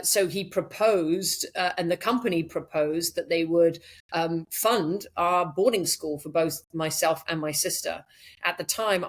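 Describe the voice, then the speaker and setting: A British woman, a podcast guest, telling her story in a chatty way with many ums and the odd laugh. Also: low-pitched. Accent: British English. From Britain. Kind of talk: conversational storytelling.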